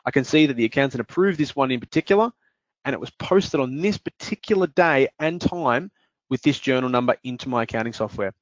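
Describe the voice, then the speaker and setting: In a brisk screen-share demo, a man explains the software one step at a time, steady apart from occasional fillers. His pitch is medium, there's no room sound, and the recording comes across muffled.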